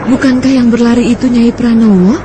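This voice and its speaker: An anxious young warrior mother in a radio play, urgent and fairly high-voiced, played by a woman. She sounds set back from the mic, with clear noise behind her. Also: steady tone, a little fast, close to an everyday voice. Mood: worried. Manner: worried, urgent.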